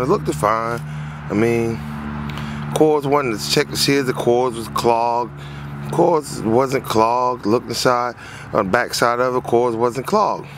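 Recorded by phone outdoors on a lawn, this casual walkthrough features an HVAC technician rambling through a repair and repeating himself along the way. His voice is medium-pitched and a bit bright, with slight background noise.

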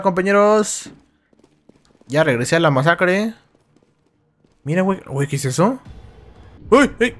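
A man with a Mexican accent giving excitable, swear-heavy commentary while playing a game. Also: on the high side. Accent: Mexican Spanish. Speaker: gaming YouTuber. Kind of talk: let's-play game commentary.

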